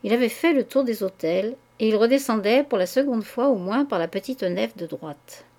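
Brief: female audiobook narrator, literary novel, measured and even. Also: fairly high pitch. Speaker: audiobook reader.

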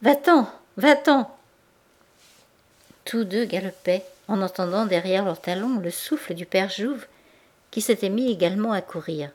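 Woman reading a classic novel aloud. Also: medium pitch. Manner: measured, expressive reading. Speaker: audiobook reader.

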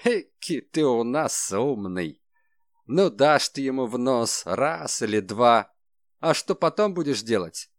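A man voicing a shrewd, calm detective who speaks in a measured, ironic way, in an audiobook. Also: mid-range voice, no room sound, clean studio sound.

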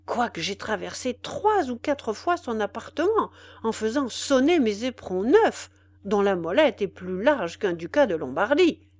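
A woman's voice: a little high, very animated, a little slow, darkish tone. Woman doing a vain chattering young officer. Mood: boastful chatter. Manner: chattering, boastful.

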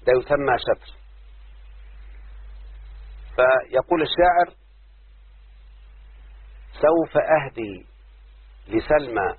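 A man with an Egyptian accent teaching Arabic prosody in a class, explaining step by step and often checking that his students follow. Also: medium pitch. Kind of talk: classroom lesson. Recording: husky lo-fi phone-like recording.

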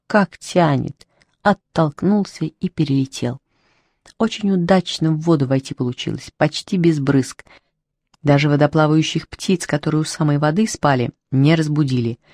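A narrator reading a fairy tale in a wry, unhurried way, lightly voicing the characters. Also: medium pitch, a little mellow, no echo. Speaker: audiobook narrator. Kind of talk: storybook narration.

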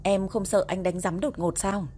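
A woman doing a soft-spoken devoted husband. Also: medium pitch, steady tone, normal speed, slight background noise, lightly acted. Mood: dry. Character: devoted husband, tender and quiet.

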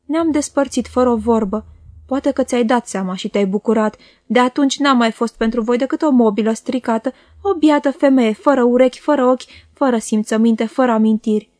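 A woman's voice: fairly high pitch, darkish tone, dry recording, studio quality, natural voice. A woman reader voicing a proud, bitter, jealous young woman who speaks with scornful, impassioned force in an audiobook. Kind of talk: audiobook character voice.

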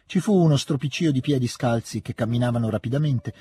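A man reading a classic novel aloud on radio, with measured, expressive storytelling. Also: medium pitch. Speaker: radio reader.

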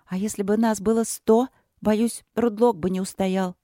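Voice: mid-range voice, fairly even intonation, moderate pace, warm tone, dry recording, clean studio sound, pitched above the performer's own voice, lightly acted. A reader voicing a pushy, talkative young princess in an audiobook, eager and pleading. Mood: indignant. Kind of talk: audiobook character voice.

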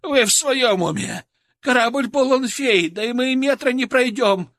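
A man's voice: extremely high pitch, measured pace, fairly bright tone, voice pushed up, heavily acted. A man voicing a plump older male scientist who shrieks in panic and indignation. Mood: shrill panic.

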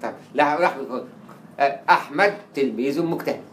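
A man with an Egyptian Arabic accent giving a lecture on Arabic writing. He is animated, acts out quoted dialogue and repeats words to drill pronunciation. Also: medium pitch, fairly quick. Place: lecture hall. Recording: echoey lecture room with faint hiss.

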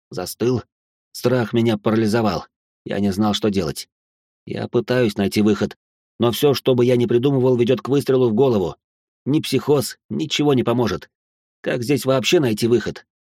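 A man's voice: medium pitch, normal speed, gravelly, darkish tone, no room sound, clean studio sound. A man narrating a tense, action-filled story in the first person.

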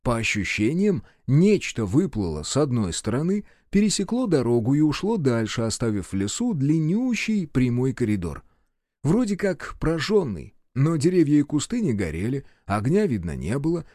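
A man narrating an adventure novel in an expressive storytelling manner. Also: mid-range voice, moderate pace, no echo, studio quality. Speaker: audiobook narrator.

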